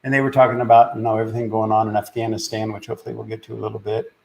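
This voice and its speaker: A man hosting a podcast, speaking in a halting, casual way about spiritual ideas, with many fillers and restarts. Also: fairly low pitch, level tone, gravelly, a little mellow, low-quality recording. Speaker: podcast host and spiritual teacher.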